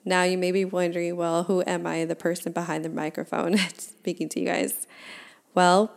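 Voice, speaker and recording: A woman's voice: lowish voice, level tone, normal speed, creaky. A woman in her twenties hosting her own podcast, talking candidly and chattily and laughing at herself. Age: 20s. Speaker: podcast host. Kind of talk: casual solo podcast talk.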